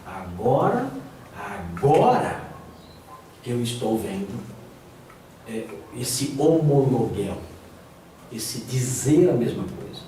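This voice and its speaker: A pastor teaches theology conversationally, often voicing the people he quotes, in a mid-range voice with a dark tone and big pitch swings. He speaks slowly and pauses often. The room echoes, the mic is distant, and there's noise.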